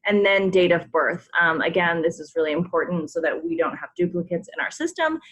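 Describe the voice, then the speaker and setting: Animated and fairly quick, a woman with a lowish, fairly bright voice runs a coach conference call for a sports program staff. She walks through forms on screen in a friendly instructional briefing, heavy on ums and polite reminders.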